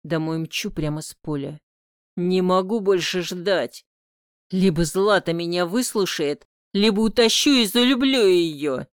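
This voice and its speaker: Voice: medium pitch, measured pace, smooth, no room sound. An audiobook narrator reading a first-person romance with emotional, intimate delivery, recorded on a close studio mic.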